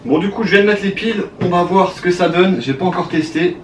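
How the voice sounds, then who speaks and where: A man's voice: high voice, fast talker, slight background noise. Chatty young French man unboxing. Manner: chatty, excited, talks to viewers. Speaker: YouTuber. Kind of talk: casual unboxing commentary.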